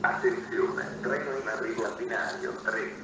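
A man's automated train station announcement, heard over a platform loudspeaker, in flat, measured, spliced-together phrasing. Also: medium pitch. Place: outdoor railway platform. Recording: echoey loudspeaker from far off with noise.

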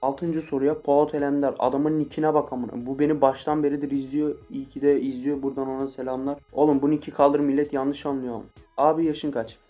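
Eighteen-year-old male vlogger, rapid joking banter, dark mellow tone, faint guitar under it. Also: mid-range voice, flat delivery, lo-fi sound. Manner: joking, swearing, mock-angry outbursts. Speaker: YouTuber answering viewer questions. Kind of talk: casual Q&A vlog. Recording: faint guitar music behind.

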